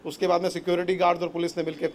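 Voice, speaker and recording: Man, eyewitness, gravelly voice, fast talker, slightly high pitch. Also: flat delivery, a little hiss or hum. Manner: rapid, insistent account. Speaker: resident witness. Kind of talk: on-scene interview.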